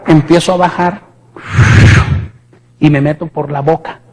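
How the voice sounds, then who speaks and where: Impassioned preacher man, higher voice. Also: fairly even intonation, measured pace. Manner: impassioned, swings from hushed to shouting; addresses the congregation with questions. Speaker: preacher giving a testimony. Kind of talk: sermon testimony.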